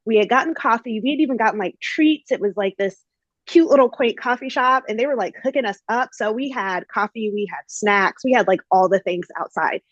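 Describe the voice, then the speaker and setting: A woman's voice: on the high side, fairly quick, dry recording, lo-fi sound. Chatty woman podcast host. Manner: chatty, many fillers and "like". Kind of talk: casual conversational storytelling.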